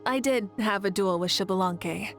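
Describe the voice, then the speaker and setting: For a video game, a woman voices a confident, regal female ruler, speaking commandingly and laughing easily. Her mid-range voice sounds natural at a normal speed, with faint music behind it.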